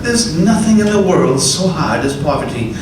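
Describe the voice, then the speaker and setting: An actor playing Ebenezer Scrooge, an older miser who stammers and hesitates, in a live radio play. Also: male voice, fairly high pitch, sing-song, moderate pace, background noise. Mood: pleading. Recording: echoey hall recording from far off.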